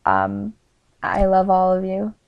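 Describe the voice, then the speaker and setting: A woman giving a casual spoken review who talks quietly, hesitates often and keeps apologizing. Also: mid-range voice, big pitch swings, slow, no echo, dull audio. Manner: hesitant and apologetic, many fillers; speaking quietly. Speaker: character reviewer.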